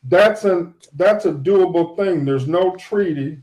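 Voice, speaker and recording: A man on a phone call arguing in a hesitant, halting way. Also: high-pitched, a little mellow. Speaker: prank caller. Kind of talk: debate over the phone.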